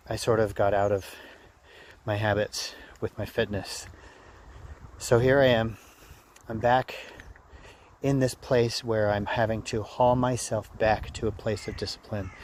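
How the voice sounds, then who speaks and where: Low-voiced man vlogging over background noise. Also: a little mellow. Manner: reflective, halting, repeats phrases. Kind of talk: casual personal vlog monologue.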